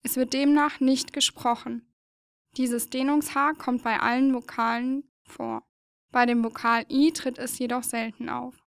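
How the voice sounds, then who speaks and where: Woman, educational voice-over, smooth and crisp, dry studio sound, patient. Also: high voice, fairly bright tone, no echo. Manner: patient and explanatory, spells out letters one by one. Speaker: narrator of a learning video. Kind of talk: scripted educational narration.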